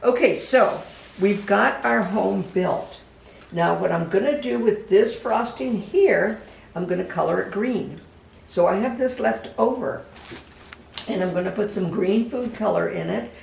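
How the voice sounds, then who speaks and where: A craft instructor giving a casual step-by-step demonstration, talking gently and unhurriedly, even chatting to the project. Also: mid-range voice, unhurried, gravelly. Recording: echoey room, voice from a distance, faint background hum.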